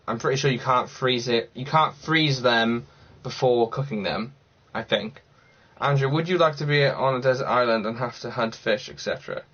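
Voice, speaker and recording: Guy from cardiff rambling through viewer comments on a stream, mid pitched, kinda dull lo-fi audio. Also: sharp tone. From Cardiff, Wales. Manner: chatty and rambling, thinks aloud. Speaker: livestream host. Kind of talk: casual livestream chat answering viewer comments. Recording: slightly dull lo-fi sound.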